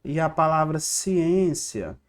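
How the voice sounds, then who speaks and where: A man's voice: fairly high pitch, animated, slow. A man teaching an online grammar lesson over slides. He quizzes the viewer, answers his own questions and repeats little rhymes to help them remember. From Brazil. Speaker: exam-prep teacher.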